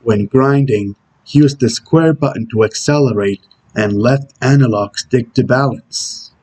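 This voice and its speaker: A man voicing a stern, brooding video game antihero who gives terse tutorial instructions in a husky voice. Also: mid-range voice, measured pace, a little mellow. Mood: stern, instructional. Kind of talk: character impression reading game tutorial instructions.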